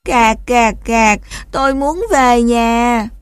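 A woman's voice: a little high, slow pace, a bit bright, no room sound. Woman doing a crying lost little duckling. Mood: tearful. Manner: whiny, tearful.

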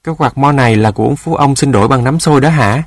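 A man's voice: medium pitch, quick pace, dry recording, studio quality, natural voice. A man voicing a curious, naive little boy in a storybook, asking eager questions.

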